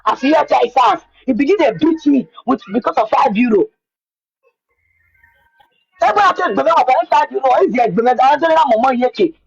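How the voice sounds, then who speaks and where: Nigerian woman, husky voice, Pidgin personal account, emphatic repetition, muffled lo-fi recording. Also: high-pitched, lively intonation, quick pace, few pauses, a little mellow, faint music behind. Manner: repeats words for emphasis. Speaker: guest telling her own story.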